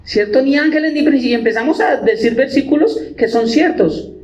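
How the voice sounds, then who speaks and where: High-voiced pastor preaching. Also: male voice, fairly quick. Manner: animated, acts out quoted believers. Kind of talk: sermon. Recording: echoey church with music, dull sound.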